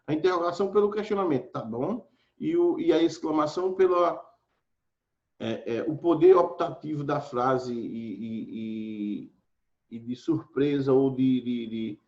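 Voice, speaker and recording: A man's voice: medium pitch, unhurried, darkish tone. A man teaching an online grammar lesson in a casual, teacherly way, constantly checking in with his students. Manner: casual teacherly, frequent "tá certo?" check-ins. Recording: echoey dull lo-fi room recording.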